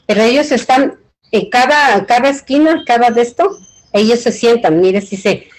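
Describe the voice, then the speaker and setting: A woman's voice: fairly high pitch, expressive, normal speed, low-quality recording. A middle-aged or older woman with a Mexican accent giving an informal cultural presentation in an earnest, rambling, colloquial way. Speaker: invited community leader.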